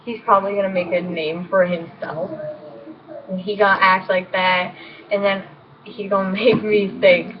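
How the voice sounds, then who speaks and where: A woman's voice: medium pitch, flat delivery, normal speed, background noise. A woman rambling in a casual vlog, giggling and gushing as she talks. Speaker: vlogger. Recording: dull lo-fi with voices behind.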